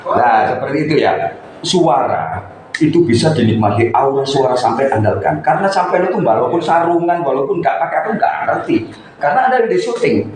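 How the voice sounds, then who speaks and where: A man coaching members at a meeting, chatty and lecturing, with lively asides. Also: medium pitch, a little fast, a crowd in the background. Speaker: coordinator of a local radio community. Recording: echoey room, faint background ambience.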